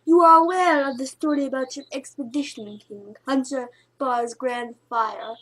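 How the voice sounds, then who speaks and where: A woman's voice: high-pitched, fairly even intonation, normal speed, fairly bright tone, low-quality recording. A woman voicing a mysterious old male druid advisor in a game, with a shaky put-on accent that slides into gibberish. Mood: solemn. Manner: attempted accent, slurred into gibberish.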